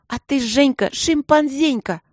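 Sassy chatterbox schoolgirl, mocking, high pitched, woman reading. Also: normal speed, darkish tone, dry recording, studio quality, natural voice. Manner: mocking, snippy.

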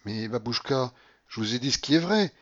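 A man's voice: mid-range voice, animated, moderate pace, pitched above the performer's own voice, lightly acted. A man reading an audiobook voices a polite, cautious young tutor reasoning with his employer. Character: young male tutor, dutiful and wary. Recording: muffled lo-fi recording.

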